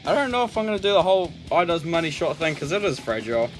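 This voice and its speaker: Young male vlogger, excitable, foul-mouthed, wildly swinging pitch; music underneath. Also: very fast. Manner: excitable, loud bursts and heavy swearing. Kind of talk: casual unboxing vlog.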